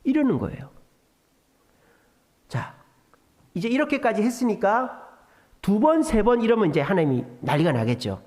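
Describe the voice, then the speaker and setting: Lively high-pitched male preacher. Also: normal speed, long pauses. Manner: animated preaching, acts out God's lines in a casual voice; drops to a whisper for emphasis. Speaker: pastor. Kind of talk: sermon.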